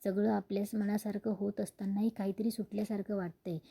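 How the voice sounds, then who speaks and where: A woman's voice: medium pitch, flat delivery, brisk, creaky, mellow, breathy edge, no echo. A woman voicing a scheming middle-aged mother who talks with false sweetness.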